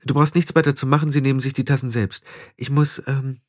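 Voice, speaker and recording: A man's voice: mid-range voice, flat delivery, a little fast, voice pushed up, natural voice. A man reading the part of a modest young witch girl who hesitates and hedges. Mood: hesitant. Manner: hesitant, fillers.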